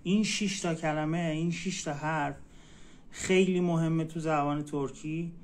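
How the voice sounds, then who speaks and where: A man teaching a language in a casual live stream, patiently repeating words slowly. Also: fairly high pitch, steady tone.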